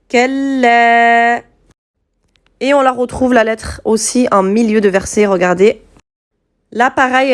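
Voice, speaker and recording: A woman teaching Quranic letters step by step, patient and clear, spelling out sounds slowly and distinctly. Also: on the high side, a little mellow.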